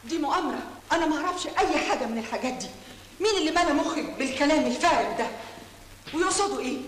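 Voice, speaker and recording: A woman's voice: high voice, expressive, rapid-fire, roomy sound, big-room sound, a little hiss or hum. An actress with an Egyptian accent playing a proud, wealthy mother who defensively denies her crimes. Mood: indignant. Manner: indignant, defensive. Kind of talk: film drama acting.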